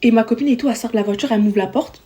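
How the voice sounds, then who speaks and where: A woman's voice: on the high side, very fast, warm tone. A young adult woman telling a story in a storytime vlog, slangy and chatty, talking straight to her viewers. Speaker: vlogger.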